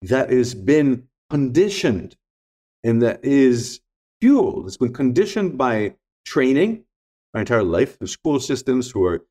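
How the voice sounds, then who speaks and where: Very animated yet unhurried, his warm mid-range voice carries reflective, conversational stories on a podcast where he is a guest. He is a middle-aged man whose first language is Greek, and he speaks earnestly and emphatically, repeating key points.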